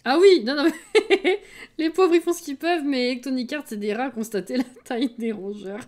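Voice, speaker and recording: A woman with a slightly high voice talks loosely to her live-stream viewers. She greets them one by one and laughs easily between remarks. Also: moderate pace, darkish tone.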